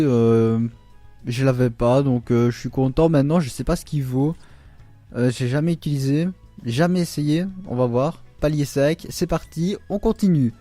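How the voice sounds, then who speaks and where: A man giving casual commentary on his game pulls, excitable and groaning aloud whenever the luck turns against him. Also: mid-range voice, dry recording. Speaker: gaming YouTuber.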